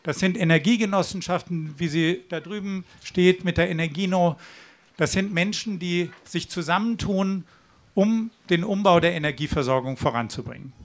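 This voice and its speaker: Guy with a pretty high voice speaking at a demo, earnest and persuasive, restarts now and then. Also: moderate pace. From southwestern Germany. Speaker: rally speaker. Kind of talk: speech at a demonstration. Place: outdoor rally.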